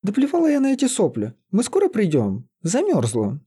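A man voicing a frightened, hot-tempered young woman with a shrill, hysterical manner in an audiobook, his voice lifted well above his own. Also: wildly swooping pitch, fairly quick, dark tone, slightly rough, exaggerated voice. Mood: annoyed.

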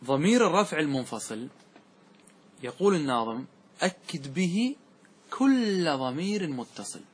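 A man teaching Arabic grammar to a class, explaining step by step, slowly reciting verse lines and asking quick check questions. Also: on the high side, a little hiss or hum.

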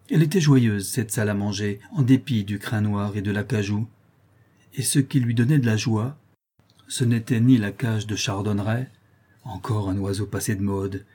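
Male narrator, measured reading, dark and husky tone. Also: on the low side. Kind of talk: audiobook reading of a classic novel.

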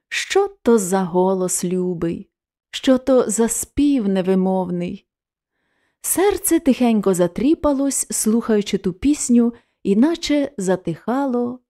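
A woman narrating a literary story in a slow, measured, expressive reading. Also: mid-range voice. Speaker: audiobook narrator.

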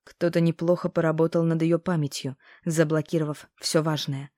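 A woman's voice: low-pitched, flat delivery, mellow, no room sound, studio quality, lightly acted. A woman voicing a cold, menacing male inquisitor. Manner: slow, measured, threatening. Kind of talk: audiobook character voice.

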